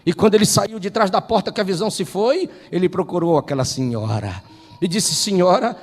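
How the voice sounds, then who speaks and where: A male pastor from Brazil telling a story in a Sunday school sermon, building from hushed narration to impassioned preaching. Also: high-pitched, lively intonation, brisk, long reverb tail.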